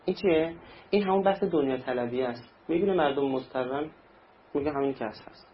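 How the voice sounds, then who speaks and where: A man's voice: fairly high pitch, slight background noise. A man preaching a sermon in a conversational way, acting out little anecdotes. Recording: dull lo-fi recording with faint ambience.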